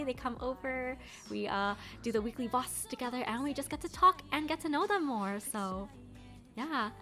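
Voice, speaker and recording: A woman's voice: high voice, pushed and bright. A woman hosting a game stream, greeting viewers in an upbeat, casual way. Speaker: stream host. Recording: faint music in background.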